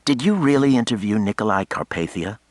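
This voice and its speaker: A man voicing a quick-witted young woman of about twenty in an audiobook, teasing and eager. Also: fairly low pitch, expressive, dry recording, pitched above the performer's own voice. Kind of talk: audiobook character voice.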